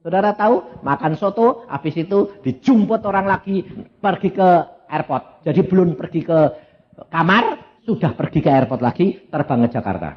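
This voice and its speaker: A man's voice: fairly high pitch, expressive, normal speed. An elderly man with a Javanese accent, preaching a sermon through humorous personal stories, often turning to address his listeners. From Central Java, Indonesia. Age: elderly, around 80. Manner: anecdotal, humorous, addresses audience as "saudara". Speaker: evangelist preacher. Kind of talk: storytelling sermon. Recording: dull lo-fi sermon recording.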